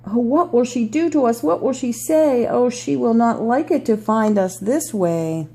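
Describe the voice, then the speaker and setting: Woman doing a high-pitched fretful little storybook fish. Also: measured pace, warm tone. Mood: frightened, urgent. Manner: urgent, insistent, alarmed. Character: fretful, scolding little pet fish, anxious worrier. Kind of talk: storybook read aloud.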